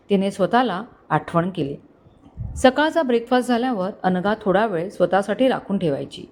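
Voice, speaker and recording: A woman's voice: mid-range voice, darkish tone. A woman with a Marathi accent narrating an emotional family story and voicing its characters. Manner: voices dialogue of the characters.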